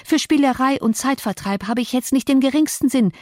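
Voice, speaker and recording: A woman's voice: high-pitched, a little fast, darkish tone, no room sound, clean studio sound, voice pushed up, close to an everyday voice. A woman reading an audiobook, voicing a proud, impatient young woman who scolds indignantly. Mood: demanding.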